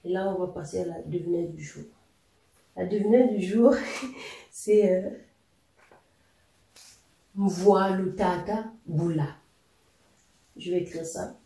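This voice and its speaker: A language teacher giving a patient, explanatory lesson, often pausing on fillers while spelling out words and examples. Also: mid-range voice, steady tone, gravelly, dark tone, distant mic. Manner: patient, hesitant with frequent fillers. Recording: echoey room, voice a little off-mic.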